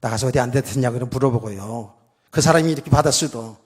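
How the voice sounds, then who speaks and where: A middle-aged male pastor with a husky, medium-pitched, brisk voice preaches a conversational sermon, acting out the voices he quotes. He's in a church sanctuary, and the recording carries a long hall reverb.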